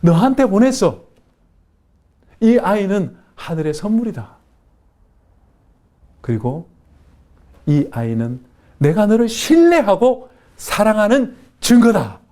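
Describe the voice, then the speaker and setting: A male preacher voicing God, speaking softly and gently to a grieving daughter. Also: sits high, wildly swooping pitch, takes it slowly, pauses often, pitched above the performer's own voice, exaggerated voice. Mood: tender.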